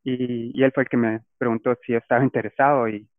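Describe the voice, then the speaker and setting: A man's voice: mid-range voice, little pitch movement, quick pace, no room sound. A man from Guatemala, a guest explaining his career in a casual interview. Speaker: guest, data scientist. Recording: tinny phone-like line, dry.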